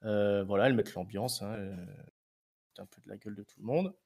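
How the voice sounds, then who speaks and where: A man's voice: lowish voice, fairly quick, gravelly, darkish tone. A man co-hosting a wrestling podcast, casually recapping a match with lots of hesitations and fillers. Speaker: podcast co-host.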